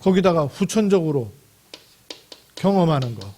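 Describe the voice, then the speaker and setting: A man's voice: on the high side, big pitch swings, normal speed, dark tone. A man preaching a Sunday sermon as pastor, emphatic and repetitive, stretching out key words. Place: church sanctuary.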